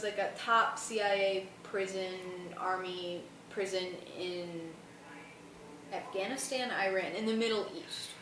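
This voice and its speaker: A young woman student rambling through a casual, colloquial explanation for a vlog, sounding tired. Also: medium pitch. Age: young adult. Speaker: student vlogger. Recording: roomy, distant mic, faint noise.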